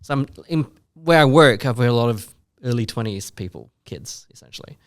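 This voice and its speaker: Here the forty-something co-host talks a little fast, his medium-pitched voice full of lively intonation. It's a casual, rambling, self-deprecating podcast chat full of long questions, recorded at studio quality with no echo.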